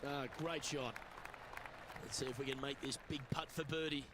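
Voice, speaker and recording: A man's voice: mid-range voice, flat delivery, normal speed, crowd noise, noisy background, lightly acted. A man giving polished broadcast play-by-play commentary in a golf video game. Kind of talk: sports commentary.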